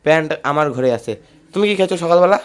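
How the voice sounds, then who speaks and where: A young man chatting to viewers while filming a casual phone vlog at home and on local roads, slightly hoarse. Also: on the high side, rapid-fire. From India. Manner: chatty, addresses viewers as "guys". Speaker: vlogger.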